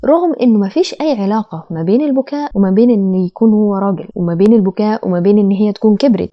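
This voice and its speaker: A woman's voice: mid-range voice, warm tone, lo-fi sound. A woman with an Egyptian accent giving a reflective podcast monologue as host, full of rhetorical questions. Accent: Egyptian Arabic. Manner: asks many rhetorical questions.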